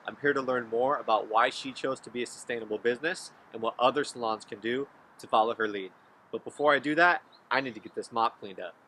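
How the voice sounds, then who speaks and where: A man interviewing a salon owner in a casual, friendly way, often pausing with fillers and restarting sentences. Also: mid-range voice, bright, forceful tone, a little hiss or hum, rough recording. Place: salon, outdoors then indoors.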